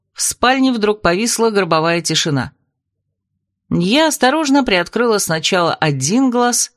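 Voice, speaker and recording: A woman's voice: medium pitch, no room sound, clean studio sound. Woman reading a wry first-person audiobook. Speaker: audiobook narrator.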